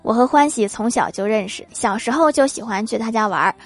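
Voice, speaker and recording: Woman, comic podcast host, slightly high voice, faint music under her. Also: a little fast. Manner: lively, laughing asides after punchlines. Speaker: podcast host reading jokes. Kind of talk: comic storytelling with acted quotes.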